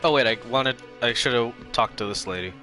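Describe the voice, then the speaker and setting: A man's voice: medium pitch, moderate pace, bright, forceful tone, faint music behind. A man streaming a game, thinking aloud in a casual, self-deprecating way. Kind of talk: casual gameplay commentary.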